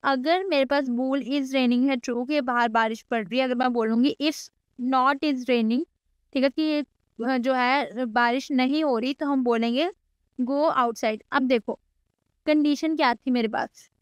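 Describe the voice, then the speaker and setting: A woman's voice: sits high, fairly even intonation, a little slow, smooth, dry recording, highs cut off. A woman teaching a coding lecture in a chatty way, mixing English code terms into Hindi and adding teasing asides to her students. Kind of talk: casual screen-recorded coding lecture.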